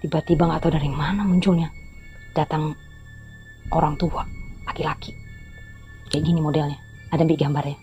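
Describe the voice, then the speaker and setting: A woman's voice: low voice, steady tone, normal speed, pauses often, mellow. A woman in her fifties telling a story in a chatty, rambling way, often repeating who said what. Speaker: storytelling vlogger. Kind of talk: casual storytelling. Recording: slightly dull lo-fi audio with faint music.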